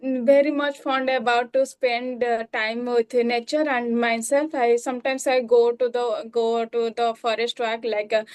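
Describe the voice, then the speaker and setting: A woman from Odisha with an Indian accent, speaking slowly in English practice with many fillers and restarts. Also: fairly high pitch, darkish tone, clean tone. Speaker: English learner. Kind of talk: conversation practice call.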